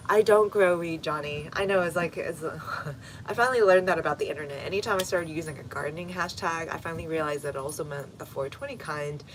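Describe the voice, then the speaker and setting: A woman with a low voice chats through a livestream from her home garden, answering viewer comments one at a time with easy fillers. She talks outdoors into a phone, and steady outdoor noise runs clearly beneath her voice. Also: fairly quick, low-quality recording. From Texas, United States.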